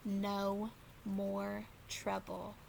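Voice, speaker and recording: A woman's voice: high-pitched, expressive, moderate pace, slight background noise. A woman voicing a young aunt who is fond but firm, in a storybook reading. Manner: gently stern.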